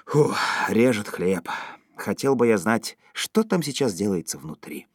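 A flustered, baffled young husband, read by a man in his own voice. Low and lively, earnest and unsure of himself, with dry close sound. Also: measured pace, slightly rough, dry recording, full character voice.

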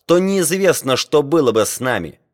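A man reading an audiobook, voicing a hot-tempered male geographer who shouts in outrage, breathless with anger. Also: lowish voice, big pitch swings, extremely slow, breathy edge, heavily acted. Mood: heated. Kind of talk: audiobook character voice.

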